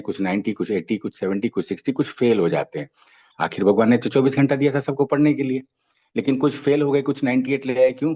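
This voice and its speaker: A low, husky-voiced man delivers a motivational speech full of parables. He hammers his points home by repeating phrases. The sound is dull and lo-fi, like audio from an online meeting. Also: darkish tone. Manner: storytelling, repeats phrases for emphasis. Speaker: guest speaker at a network marketing training session.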